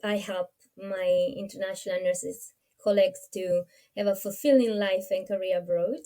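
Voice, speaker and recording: Italian-accented woman with a mellow voice. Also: mid-range voice, steady tone, normal speed. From Italy. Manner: non-native phrasing, frequent fillers. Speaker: co-host, nurse career coach. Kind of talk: webinar presentation.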